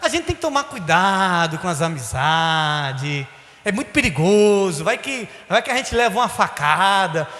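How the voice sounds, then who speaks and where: Male pastor, very high voice, playful storytelling sermon, roomy church hall. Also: moderate pace. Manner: humorous, conversational, animated preaching with quoted dialogue. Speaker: bishop and pastor.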